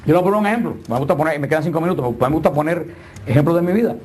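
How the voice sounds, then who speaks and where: A man's voice: a little high, racing, darkish tone. A middle-aged man preaching a sermon with emphatic, swinging delivery and joking asides.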